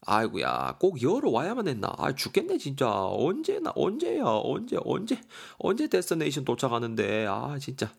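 A man's voice: mid-range voice, huge pitch swings, normal speed, creaky, few pauses, breathy edge, pitched above the performer's own voice, exaggerated voice. A man voicing a worn-out young male hiker who whines, groans and curses under his breath. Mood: whiny.

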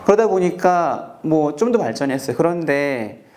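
Earnest man in his forties, somewhat high. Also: lively intonation, a little mellow, a little hiss or hum. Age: 40s. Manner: earnest, measured, with frequent filler words. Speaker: dermatologist guest. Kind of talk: reflective personal story in a talk show.

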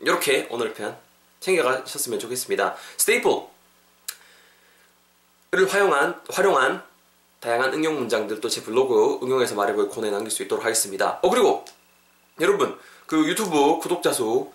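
A man's voice: medium pitch, expressive, brisk, long pauses, a bit bright, echoey room. A man hosting an English lesson podcast, chatty and playful. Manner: playful, chatty, acts out both sides of short dialogues. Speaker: English teacher and podcast host.

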